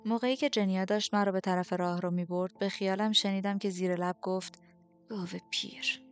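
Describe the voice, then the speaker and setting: A woman narrating a novel in the first person, with a steady, even storytelling delivery. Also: medium pitch, smooth, faint music behind. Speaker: audiobook narrator.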